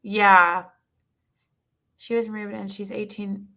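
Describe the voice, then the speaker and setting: A woman streamer with a squeaky voice chatting bluntly and rambling with her viewers, recorded on a cheap mic. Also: flat delivery, takes it slowly, gravelly, bright, forceful tone. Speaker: streamer reading chat. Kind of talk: casual live-stream commentary. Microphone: cheap twelve-dollar mic.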